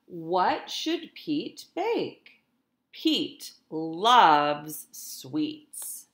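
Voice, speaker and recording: With a low-sitting voice, a storytime teacher reads aloud to small kids indoors in a room at home, the sound echoing around her. Her unhurried read-aloud is expressive and deliberate, aimed directly at the children.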